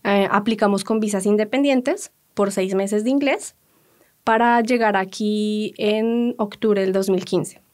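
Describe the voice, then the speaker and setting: Colombian woman, 30s, chatty interview guest, animated storyteller. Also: mid-range voice, unhurried. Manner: lively, laughing, acts out quoted dialogue.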